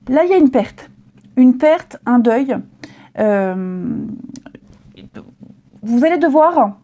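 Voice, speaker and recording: A woman with a high, mellow voice gives a casual daily tarot reading. She is chatty and reassuring, with lots of fillers and restarts.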